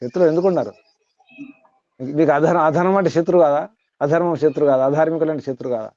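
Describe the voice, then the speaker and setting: A man teaching to a group on a call, asking listeners direct questions and reciting verses slowly. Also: on the high side, dark tone, dry recording, highs cut off. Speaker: spiritual teacher. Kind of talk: teaching over an online call.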